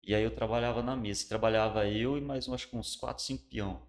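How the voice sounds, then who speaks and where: Man, middle-aged, Brazilian Portuguese accent, low voice, pastor guest, colloquial animated testimony. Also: quick pace. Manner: colloquial, animated storytelling, drops to a hush for solemn parts. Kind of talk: personal testimony in casual conversation.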